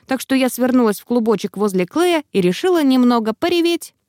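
A woman narrating a first-person novel as an audiobook, in an expressive, wry inner-monologue manner. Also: a little high, brisk, dry recording, clean studio sound.

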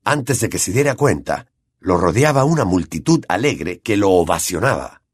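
A man with a Latin American Spanish accent reads an audiobook with lively, swinging intonation at a middle pitch. His voice is husky, and the recording is close and dry. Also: moderate pace, no room sound. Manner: expressive, animated reading. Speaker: audiobook narrator. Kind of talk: audiobook narration.

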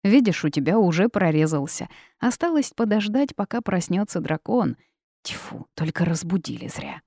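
A woman's voice: on the low side, very animated, normal speed, creaky, warm tone, no echo, clean studio sound, heavily acted. A woman voicing a teasing, know-it-all male phoenix bird in a storybook reading. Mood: lecturing.

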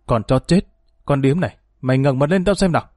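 A man's voice: medium pitch, rapid-fire, darkish tone, no echo, clean studio sound, lightly acted. A man voicing a crippled middle-aged former gang boss, harsh and angry.

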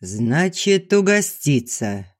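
A man reading an audiobook, voicing a domineering young female student who rumbles out her demands. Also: sing-song, slow, heavily acted. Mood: demanding. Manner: commanding, rumbling.

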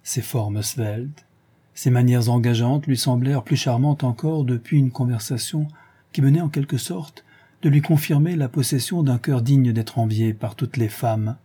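A man narrating a classic novel as an audiobook, in a measured, even reading. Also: mid-range voice, breathy edge.

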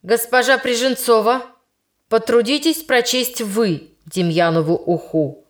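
A woman's voice: a little high, a little slow, natural voice. Woman doing a stern old-school schoolmaster in a storybook, formal, scolding, exasperated. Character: stern middle-aged male teacher, kind but exasperated.

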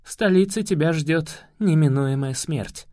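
A man's voice: fairly high pitch, measured pace, a little mellow, no room sound, clean studio sound, lightly acted. Man voicing a grave, lovelorn male elf. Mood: wistful.

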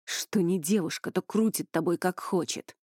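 A stern male commander barks reprimands at his careless recruits, as a woman narrator voices him. His voice is gruff and pitched low, mellow in tone, and recorded close and dry like a studio audiobook. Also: moderate pace, dry recording. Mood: angry scolding. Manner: gruff, berating.

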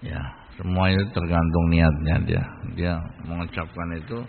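A man giving a religious study lecture as an Islamic preacher, explaining with everyday examples and Arabic quotes, his pitch jumping high for emphasis. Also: flat delivery, moderate pace, gravelly, slightly rough. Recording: tinny phone-like lecture recording with long reverb.

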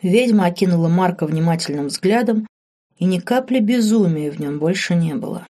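A woman narrating a fantasy novel audiobook in a steady storytelling manner. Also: on the low side, normal speed. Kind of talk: scripted narration.

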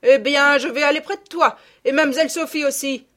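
A woman's voice: medium pitch, normal speed, lightly acted. A woman voicing a middle-aged peasant gardener woman who scolds and gossips in blunt rustic speech, read as an audiobook character. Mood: indignant.

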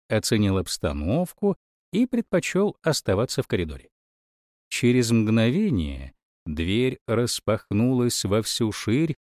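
Animated man reading a fairy tale. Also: mid-range voice, no room sound, clean studio sound. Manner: animated, playful. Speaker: audiobook narrator. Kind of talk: expressive storybook narration.

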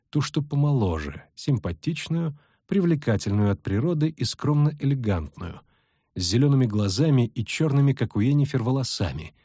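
A man narrating a fantasy audiobook in a measured, even storytelling manner. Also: mid-range voice, breathy edge, no echo, clean studio sound.

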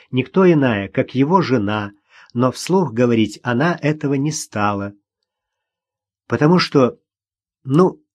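A man reading a novel aloud as audiobook narrator, in an even, measured storytelling manner. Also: mid-range voice. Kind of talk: scripted narration.

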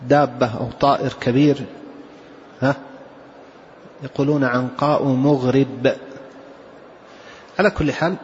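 A male scholar giving a classroom lecture on a theology text, reading quoted passages and then explaining them, often asking the class questions. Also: medium pitch. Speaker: Islamic scholar teaching a text. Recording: dull lo-fi lecture recording with faint background noise.

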